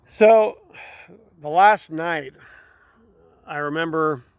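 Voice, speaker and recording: A man hosting his own show, telling a candid personal story in a rambling, halting way, often repeating words. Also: a little high, clean tone, no room sound. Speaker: show host.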